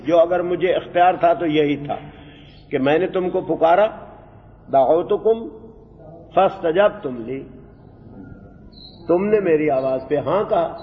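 A man's voice: fairly high pitch, a little hiss or hum. Man teaching Quran grammar in a reverberant hall. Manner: recites Arabic verses slowly, then explains in quick Urdu. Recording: dull recording with long hall reverb.

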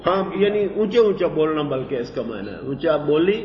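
A man giving a Quran translation lesson. He explains word meanings slowly and repeats phrases. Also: on the high side, big pitch swings, slight background noise. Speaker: teacher. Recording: dull echoey hall recording.

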